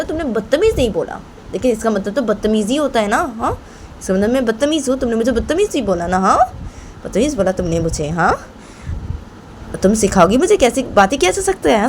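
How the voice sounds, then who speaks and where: A woman's voice: fairly high pitch, slight background noise, voice pushed up, lightly acted. A woman voicing a suspicious, touchy grandmother who scolds in accusing, repeated questions. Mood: indignant.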